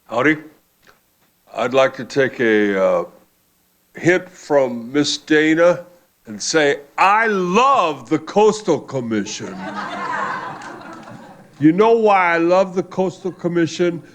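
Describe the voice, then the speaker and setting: A man speaks at a public hearing in a folksy, unhurried way, leaning hard on his words. His voice sits slightly high for a man, and he talks very slowly. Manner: folksy and drawn-out, stressing words. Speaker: public commenter.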